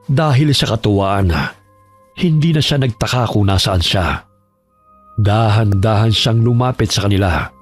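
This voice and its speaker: A man narrating a scripted horror story in a steady, measured way. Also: lowish voice, soft background music.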